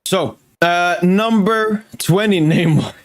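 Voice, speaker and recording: A man's voice: high-pitched, slow. A man in his early twenties reading out a football ranking, heated and swearing often in casual chat. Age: 20s. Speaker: podcast co-host reading the list.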